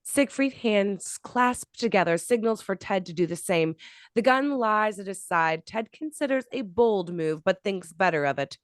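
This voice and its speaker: A woman narrates the stage directions of a script at a table read. Her reading has lively pitch movement and a close, dry sound. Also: measured pace, dry recording.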